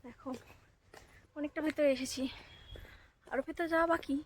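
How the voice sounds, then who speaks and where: A woman's voice: high-pitched, steady tone, normal speed, a little hiss or hum. A woman with a Bengali accent chatting to viewers as she walks through an outdoor park on a phone camera. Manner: chatty, addresses viewers directly, drops to a hush at times. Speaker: vlogger. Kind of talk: casual walking vlog.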